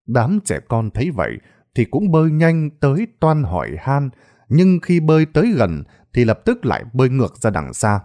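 A man narrates a ghost story in a practiced storytelling voice. His pitch rises and falls widely as he builds the scene. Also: normal speed. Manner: expressive storytelling with lively pitch. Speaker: horror storyteller.

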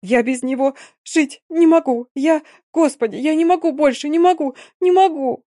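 A hysterical young wife wailing her pleas in a high, loud, stammering voice, as a female reader plays her. It is recorded dry and close. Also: moderate pace, no echo, lightly acted. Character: desperate young Romani wife, sobbing and pleading.

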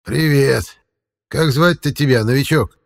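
A man voicing a small, grumpy, sly old male forest spirit with a slightly creaky, folksy voice. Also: medium pitch, unhurried, voice pushed up. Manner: folksy, grumbling.

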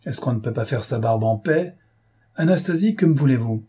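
A man's voice: mid-range voice, animated, fairly quick, warm tone, slightly rough. A man voicing a brusque, self-important older male philosopher who talks in an impatient, lecturing way. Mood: irritated.

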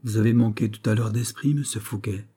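A man's voice: lowish voice, fairly even intonation, a little fast, dark tone, breathy edge. A man voicing a proud, passionate noblewoman in an audiobook of a classic novel, pleading and insistent. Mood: reproachful.

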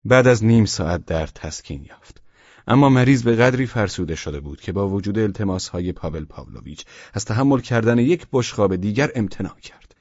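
A man reads a classic novel aloud as an audiobook narrator. His voice sits low with a husky grain, and his reading stays steady and measured. The sound is dry and a little muffled. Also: dry recording.

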